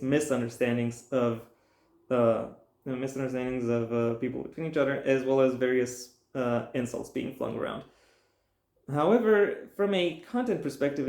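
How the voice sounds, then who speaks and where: Male book reviewer, mid pitch, talks in halting, self-correcting bursts with flashes of mock-stern ranting; recorded in a reverberant room. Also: darkish tone. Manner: rambling, halting, with frequent restarts. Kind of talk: casual spoken book review. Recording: echoey room.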